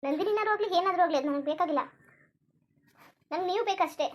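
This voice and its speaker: Very high and fast, this woman's voice plays a desperate, love-struck young woman in a Kannada cartoon. The character clings and begs, saying the same things over and over.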